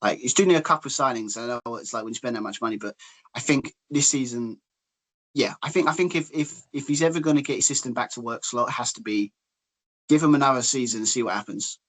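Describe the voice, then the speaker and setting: A man rattles through his points at a quick clip, his voice sitting in an ordinary middle register. He rambles and hedges, circling back over his own sentences in a relaxed football debate. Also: mid-range voice. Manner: rambling, piles up restarts and hedges. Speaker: podcast co-host.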